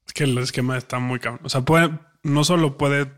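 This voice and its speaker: A man with a Mexican accent, co-hosting a sports podcast, relaxed and slangy in casual chat. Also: medium pitch, a little fast. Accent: Mexican Spanish. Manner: relaxed, slangy, brief interjections. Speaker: podcast co-host.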